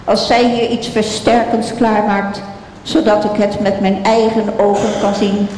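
A sly, worldly adviser , as a reader puts him on, talks in a confiding, persuasive way. The voice sounds slow and roomy, with a long hall reverb. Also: mid-range voice, little pitch movement, darkish tone, a little hiss or hum, close to an everyday voice. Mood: scheming.

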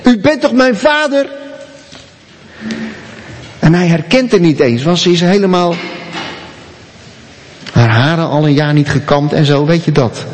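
A man's voice: a little high, moderate pace, pauses often, darkish tone, big-room sound, a little hiss or hum. A man preaching a sermon, telling a story and talking directly to his listeners.

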